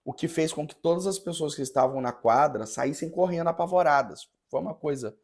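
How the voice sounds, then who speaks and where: A man who is a parish priest, telling a story in a podcast conversation with an earnest, halting manner and many restarts. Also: fairly high pitch, gravelly, darkish tone, husky.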